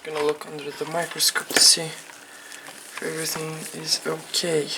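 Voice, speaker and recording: A Ukrainian-accented woman with a low, flat voice presents an unscripted, hands-on phone repair tutorial as a repair technician. Her non-native English is halting and repetitive, and the recording is very noisy.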